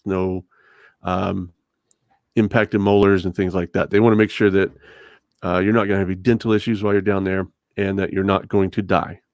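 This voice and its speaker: A man's voice: deep voice, a little mellow, dry recording. A middle-aged man answering casually as a podcast guest, close on a desktop condenser mic. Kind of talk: casual interview storytelling. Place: home room with bookshelf, indoors. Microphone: desktop condenser mic with pop filter, close up.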